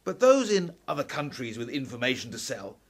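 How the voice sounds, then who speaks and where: A man playing a shrewd gentleman professor in a steampunk radio play, speaking with assured deliberation. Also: mid-range voice, sing-song, fairly quick. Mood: confiding. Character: Professor Steam, shrewd gentleman inventor uncle, calmly commanding.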